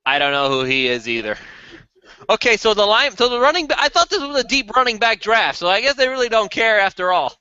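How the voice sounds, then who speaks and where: A man's voice: sits high, very animated, fairly quick, sharp tone, clean tone, no echo. A man co-hosting a football draft podcast, making wry, casual comments on the picks. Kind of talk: casual sports talk. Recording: dry, dull lo-fi recording.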